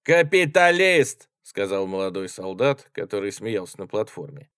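A man narrating a novel as an audiobook, with expressive, lively intonation. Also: fairly low pitch, moderate pace, no room sound, clean studio sound.

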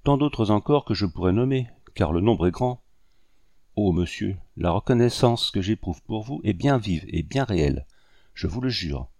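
A gentle, pleading young lady of colonial society, as a man reads her in a storybook. She speaks courteously and earnestly, her lines lifted above a low, dry reading voice. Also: expressive, normal speed, dry recording.

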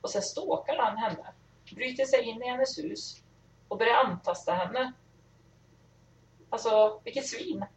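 A woman's voice: on the high side, long pauses. A woman co-hosting a casual podcast chat, blunt and opinionated. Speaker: podcast co-host. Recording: distant, roomy, lo-fi sound with faint noise.

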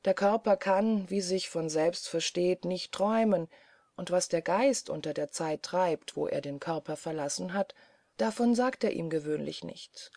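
A woman reading a serious male assistant, storybook, dry and hushed, mellow, close and dry sound. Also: no room sound. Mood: grave, hushed. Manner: dry, measured, lowered voice. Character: earnest older male scholar's assistant, grave and mysterious.

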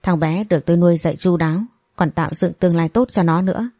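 A woman's voice: fairly low pitch, fairly even intonation, quick pace, warm tone, dry recording, clean studio sound, lightly acted. A woman voicing an older man who defends himself coldly and brushes off blame, speaking in a dismissive, defensive way. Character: evasive older man, cold and self-justifying.

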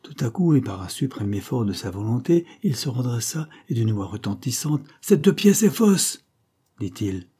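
A man narrates a nineteenth-century style novel as an audiobook, steady and literary in delivery. His voice is low, dark and husky. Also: moderate pace, hardly any pauses. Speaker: audiobook reader.

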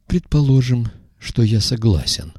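A man reading an audiobook voices a stern, weary middle-aged intelligence chief who speaks in a measured, reproachful way. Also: medium pitch, expressive, a little mellow, dry recording, clean studio sound.

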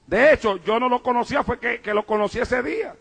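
A man's voice: very high voice, brisk, creaky, fairly bright tone, husky. A male pastor preaching a fervent sermon to a congregation, with repeated refrains and calls of praise. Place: church service before a congregation.

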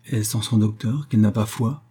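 A man's voice: lowish voice, moderate pace, mellow, breathy edge. A man reading a timid hesitant clergyman. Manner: hesitant, awkward.

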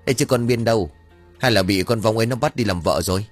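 A man's voice: lowish voice, fast talker, soft background music, lightly acted. A man voicing a grumpy, crude old village exorcist who curses and grumbles. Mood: teasing. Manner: gruff, cursing, bossy.

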